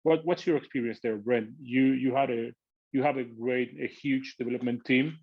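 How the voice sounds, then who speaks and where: A man's voice: medium pitch, fairly even intonation, normal speed, breathy edge, lo-fi sound. A man with an Argentine accent explaining technical work as an interview guest. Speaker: podcast guest, tech product manager.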